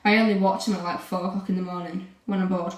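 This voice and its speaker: Speaking fast in a low-leaning, steady voice, a teenage vlogger rambles casually to the camera, using lots of filler words. The sound is roomy, as if recorded from some distance away.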